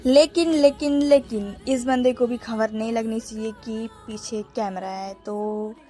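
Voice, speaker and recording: A young woman narrates her own vlog in a relaxed, chatty way. She talks straight to her viewers and calls them friends. Her voice sits a little high, with faint music playing underneath. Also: a little slow. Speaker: vlogger.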